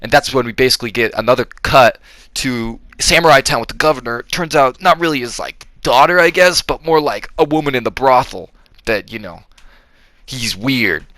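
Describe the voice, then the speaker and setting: Man, film reviewer, casual and profane, rambling with fillers, bright sharp voice, dry close sound. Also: mid-range voice, normal speed, no echo. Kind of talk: casual spoken movie review.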